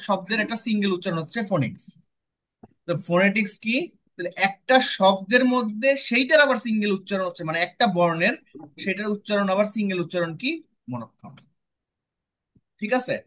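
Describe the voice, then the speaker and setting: Tutoring students in a classroom lecture with student questions, a young man with a Bangladeshi accent speaks in a high, slightly bright voice. He walks through the material step by step, frequently checking in.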